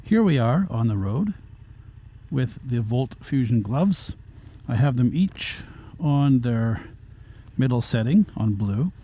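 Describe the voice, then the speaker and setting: A man reviewing gear in a calm, matter-of-fact way as he rides, talking through a motorcycle helmet microphone. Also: medium pitch, takes it slowly, pauses often. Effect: talking through a motorcycle helmet microphone while riding. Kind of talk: casual review narration while riding. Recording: muffled helmet mic with faint road noise. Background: faint traffic and engine sound.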